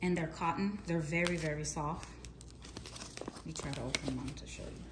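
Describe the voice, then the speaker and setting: Holding her phone camera, a woman gives casual clean-with-me narration as she tours her big, bright house, kitchen and playroom, and her purchases, rambling and correcting herself as she goes. Her voice sits low at a normal speed, in an echoey room with background noise.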